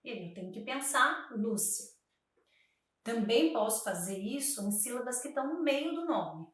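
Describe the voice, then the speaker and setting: A woman's voice: fairly high pitch, expressive, distant mic. A woman speech therapist from Brazil explaining to camera, patiently sounding out words syllable by syllable. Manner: patient, slow syllable-by-syllable demonstrations. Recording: very echoey room, voice from off-mic.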